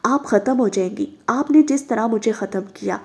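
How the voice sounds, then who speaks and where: A bitter, vengeful young woman with a fairly high yet mellow voice, shouting her pain in a spoken storybook reading, voiced by a woman narrator. She sounds obsessed and merciless. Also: moderate pace, gravelly.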